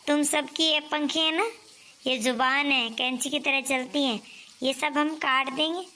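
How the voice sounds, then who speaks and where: A woman's voice: high voice, fairly even intonation, measured pace, sharp tone, slight background noise. Woman playing a stern scolding mother-in-law. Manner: scolding, threatening. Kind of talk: family comedy skit.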